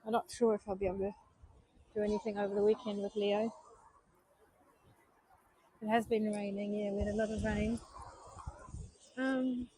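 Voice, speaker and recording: A woman with a New Zealand accent, her medium-pitched voice mellow with a breathy edge, chats casually to viewers on a live stream while walking city streets at night. She sounds subdued and disappointed, with little pitch movement, a moderate pace and frequent pauses. The recording quality is low.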